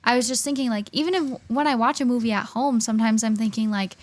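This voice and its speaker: A woman's voice: fairly high pitch, steady tone, fast. A woman in her early twenties co-hosting a podcast, talking in a chatty, thoughtful way with many fillers. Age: early 20s. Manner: chatty, thoughtful, uses "literally" and "like" often. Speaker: podcast co-host. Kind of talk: casual chat.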